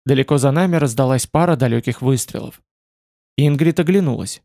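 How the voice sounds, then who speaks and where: A man's voice: medium pitch, brisk, creaky, warm tone, dry recording. A man narrating a first-person novel in a dry, ironic manner. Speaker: audiobook narrator.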